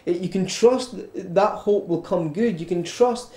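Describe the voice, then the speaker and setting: High-voiced earnest preaching man. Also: measured pace, mellow, echoey room. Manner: earnest, repetitive preaching with stammered restarts. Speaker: pastor. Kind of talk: sermon. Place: church.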